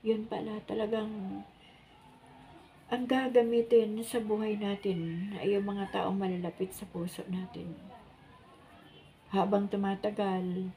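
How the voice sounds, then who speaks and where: Earnest woman in her sixties, mellow voice. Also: medium pitch, flat delivery, slight background noise, rough recording. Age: 60s. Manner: earnest and pleading, polite, with pauses and fillers. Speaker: vlogger sharing testimony. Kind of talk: heartfelt faith testimony.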